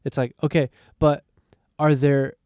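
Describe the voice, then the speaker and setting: A man's voice: a little high, little pitch movement, a little slow, darkish tone, no echo, clean studio sound. A man co-hosting a podcast in casual conversation, thinking aloud with restarts and little quoted asides. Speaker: podcast co-host.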